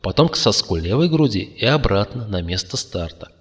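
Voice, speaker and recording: A man's voice: lowish voice, sing-song, normal speed. A man voicing a pushy, boastful, whimsical young woman, speaking in a raised, insistent tone. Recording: long reverb.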